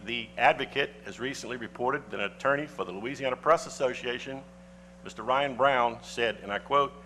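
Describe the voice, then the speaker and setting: A man, a parish council member, reads a formal prepared statement at a council meeting with deliberate, legalistic phrasing. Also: medium pitch, fairly bright tone, slight background noise. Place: council chamber.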